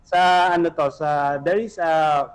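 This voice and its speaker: A man's voice: on the high side, unhurried. A man who conducts an orchestra, speaking politely as a radio guest and mixing in English phrases, on a studio mic. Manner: polite, mixes English into his talk, hesitant with fillers. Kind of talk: casual radio interview.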